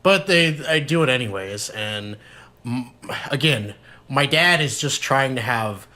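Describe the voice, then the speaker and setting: A young man, a podcast host, telling a story in casual chat, animated and swearing, breaking into high shouts when he quotes someone. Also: measured pace. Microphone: podcast mic, low-quality audio.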